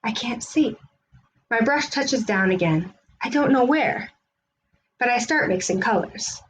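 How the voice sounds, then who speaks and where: With a fairly high voice and a slightly slow pace, a woman reads aloud from a children's picture book in an expressive storytelling style. The rough recording carries a little hiss or hum.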